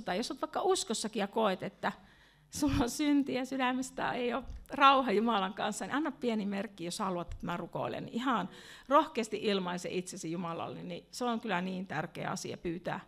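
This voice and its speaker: A woman's voice: mid-range voice, vocal fry. A middle-aged woman preacher leading an altar call and fervent prayer in a church meeting, breaking into speaking in tongues.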